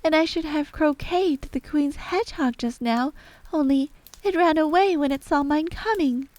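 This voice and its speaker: Woman playing a high-voiced, earnest storybook girl. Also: normal speed, darkish tone, dry recording, lightly acted. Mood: flustered complaint. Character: polite, earnest young storybook girl in Wonderland.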